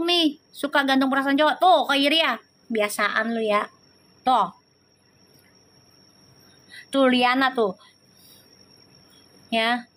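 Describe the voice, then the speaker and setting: A woman's voice: high voice, a bit bright. A woman reads tarot on a live stream. She chats casually and teases her viewers, answering their comments as they come in. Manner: chatty and teasing, answers viewers' comments, laughs often.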